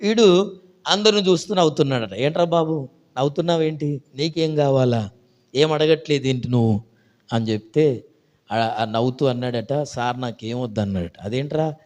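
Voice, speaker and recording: A male pastor with a Telugu accent telling a story in a lively sermon, calling out hallelujahs and questions to his congregation. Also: on the high side.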